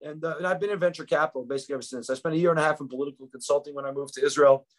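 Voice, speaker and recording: A podcast guest in his fifties, a New Yorker with the accent to match, recounts his life story in a reflective, conversational way, restarting often. His voice is fairly high and steady, and he talks very fast.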